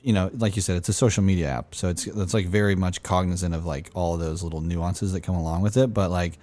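A man's voice: deep voice, fairly even intonation, fast, dark tone. A man hosting a casual podcast chat, talking loosely with fillers and the odd swear word. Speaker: podcast host.

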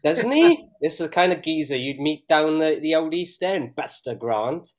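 A man's voice: fairly high pitch, moderate pace. A man co-hosting a beer review show, chatty and jokey, often laughing. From Wales. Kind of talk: casual banter.

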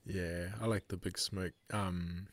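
A young New Zealand man with a low voice, captured close and dry. He talks like a laid-back frat bro, tossing slang into a casual podcast chat. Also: level tone, takes it slowly, no echo. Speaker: podcast host.

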